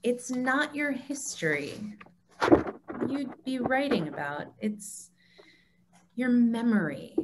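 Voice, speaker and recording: Reading a staged dialogue over a very noisy video call, a woman takes on the role of an assured, wise mentor. Her fairly high voice is sing-song, and she teaches earnestly, stressing her points deliberately.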